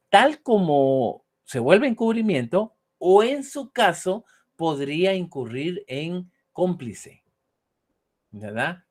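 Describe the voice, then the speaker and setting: A male law lecturer, speaking in a fairly high, very lively voice. He explains cases in an animated way and checks in with his students as he goes. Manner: animated, acts out short example dialogues; ends points with a questioning "¿verdad?". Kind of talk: online university lecture.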